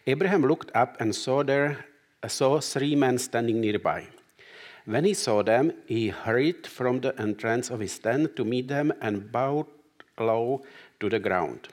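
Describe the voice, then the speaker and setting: A middle-aged man from the Czech Republic with a Czech accent, giving a sermon and reading scripture as a guest preacher, talking haltingly with many "uh" fillers and restarts. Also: medium pitch.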